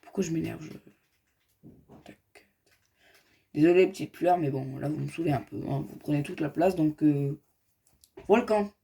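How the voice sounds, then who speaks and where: A man's voice: fairly high pitch, moderate pace, creaky, pauses often, mellow. A man giving casual game commentary as a gaming youtuber, chatty and rambling, talking straight to his viewers.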